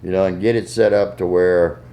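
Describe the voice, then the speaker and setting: Deep, mellow Southern man. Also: steady tone, a little fast. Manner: folksy, explaining step by step. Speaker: goose call maker giving a tuning demonstration. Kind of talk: casual hands-on tutorial.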